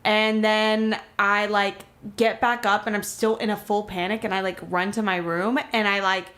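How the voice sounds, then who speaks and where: A woman's voice: medium pitch, little pitch movement, normal speed, a bit bright. A young woman from Miami, a podcast co-host, telling a story in casual talk full of "like" and swearing. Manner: rambling, many "like" fillers, swearing.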